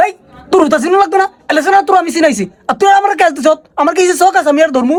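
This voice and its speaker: An exasperated master tailor played by a man scolds in a broad comedy sketch. The voice is high and extremely quick, with a regional eastern Bangladeshi Bengali accent and clear background noise. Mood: scolding. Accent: regional eastern Bangladeshi Bengali dialect. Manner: bossy, scolding. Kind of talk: broad comedy skit acting.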